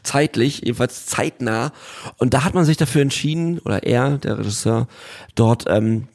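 A man's voice: medium pitch, normal speed, vocal fry, a little mellow. A man co-hosting a podcast, a former director who eagerly explains camera technique in casual chat. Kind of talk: casual chat about a TV series.

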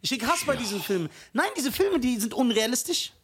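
A man co-hosting a podcast in casual chat, telling stories with animated emphasis. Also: extremely high pitch, fairly quick, a little hiss or hum. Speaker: podcast co-host.

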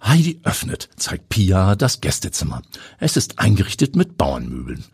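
A man with a low, very breathy and husky voice narrates a story with suspense, now and then sinking to a whisper. His melody moves a lot. The sound is close and dry, with no room echo. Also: wildly swooping pitch, normal speed, darkish tone. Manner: suspenseful, sometimes dropping to a whisper. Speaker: audiobook narrator. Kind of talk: scripted narration.

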